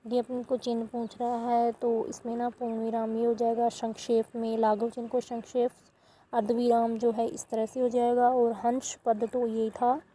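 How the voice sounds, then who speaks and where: A woman's voice: a little high, little pitch movement, normal speed, dark tone, a little hiss or hum, poor audio. A woman teaching a grammar lesson, explaining step by step and stopping to correct herself.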